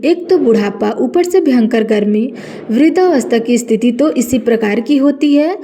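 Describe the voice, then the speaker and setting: A woman narrating a devotional story in a steady, earnest way. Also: fairly high pitch.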